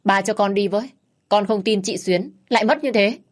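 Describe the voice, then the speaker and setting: A woman voicing a lively, headstrong young daughter who speaks eagerly. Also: mid-range voice, normal speed, pitched above the performer's own voice, natural voice. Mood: urgent. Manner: eager, pleading.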